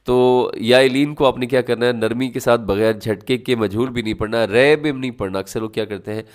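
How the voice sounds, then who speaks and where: A man teaches the rules of Quran recitation. He explains each point in a smooth, resonant voice, then stretches the example words out slowly and loudly. He often asks the class questions and then answers them himself. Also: medium pitch, fairly even intonation. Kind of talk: tajweed lesson.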